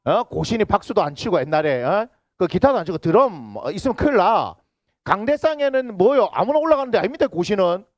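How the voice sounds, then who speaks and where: A male pastor with a Gyeongsang accent preaches a lively sermon, his fairly high voice leaping up and down as he jokes with the congregation. The sound is close and dry, caught on a handheld microphone. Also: fairly quick, no room sound, muffled recording. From Busan. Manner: lively, teasing, banters with the congregation. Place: church sanctuary.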